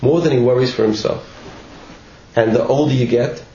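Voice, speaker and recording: This teacher's voice is mid-range, warm, and creaky, moving at normal speed through a Torah class. He reads passages and explains them casually, with repeated words and frequent "right?" questions, recorded in an echoey room on dull lo-fi audio with faint noise.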